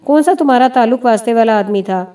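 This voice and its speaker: A woman's voice: fairly high pitch, dark tone, close to an everyday voice. A woman voicing a blunt, impatient army major who talks curtly and presses hard, heard from a distant mic. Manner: curt, pressing.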